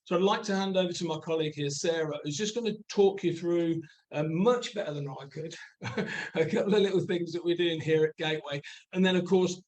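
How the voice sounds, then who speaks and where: A man's voice: on the high side, a little fast, darkish tone. A man who works as a performance coach and trainer, talking informally in a webinar.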